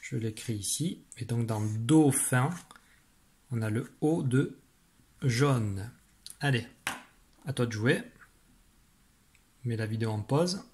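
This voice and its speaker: A man's voice: mid-range voice, unhurried, long pauses, darkish tone. A man teaching a children's dictation lesson, patiently spelling words syllable by syllable. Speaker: primary school teacher.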